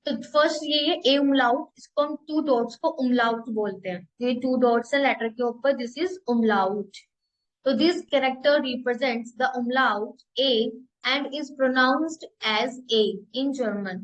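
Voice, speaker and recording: A high-pitched woman teaching a recorded language class, unhurried and deliberate. She says each letter sound over and over so learners can follow, and reads the English parts especially slowly. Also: muffled recording. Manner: repeats each sound several times, slow and deliberate with drawn-out English reading. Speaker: German language instructor. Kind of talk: recorded language lesson in Hindi-English mix.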